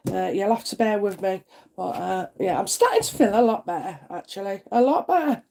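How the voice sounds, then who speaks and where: Congested from a head cold, a woman does a live stream as a psychic reader, replying to viewers' comments in a cozy, talkative way peppered with "uh" and "isn't it?" Her mid-range voice is darkish with vocal fry, animated and a little quick.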